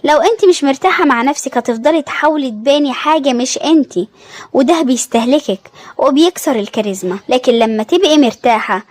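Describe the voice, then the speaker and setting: A woman with an Egyptian Arabic accent giving scripted self-help narration in calm, measured short phrases. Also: high-pitched, no room sound.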